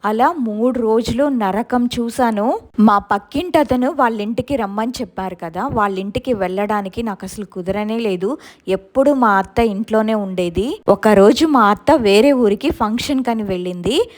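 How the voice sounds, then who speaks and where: A woman's voice: fairly high pitch, normal speed. A woman narrating a first-person ghost experience in an earnest, recounting way. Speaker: storyteller.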